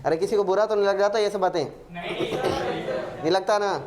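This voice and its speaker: A man's voice: high-pitched, steady tone, normal speed. A male maths teacher giving a classroom lecture, working sums aloud and joking and teasing with his students. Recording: crowd of students audible.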